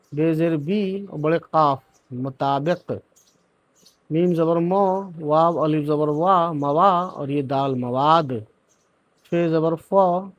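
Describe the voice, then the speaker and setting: A man's voice: on the high side, dry recording. A man teaching beginners to read, spelling each word out sound by sound and then joining the sounds, often checking in with short asides. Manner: spells words out syllable by syllable, then joins them; checks in with "theek hai" and "hai na". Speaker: Urdu reading teacher. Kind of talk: letter-by-letter reading lesson.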